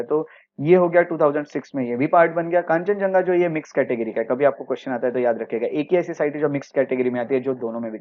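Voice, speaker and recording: A man's voice: mid-range voice, muffled recording. A man with an Indian accent teaching a history lecture for exam preparation, explaining step by step and mixing English words into his speech.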